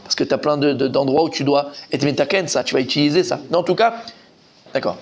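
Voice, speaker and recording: Animated rabbi teaching. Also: male voice, a little high, fairly quick, a crowd in the background. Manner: lively, animated, asks students questions, repeats himself. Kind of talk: informal Talmud class.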